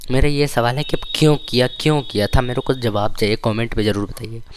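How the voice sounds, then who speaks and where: A young man casually telling stories from his school days, with a lively, slangy, complaining manner. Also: medium pitch, clear, resonant tone. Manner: animated, slangy, complaining storytelling. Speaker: vlogger.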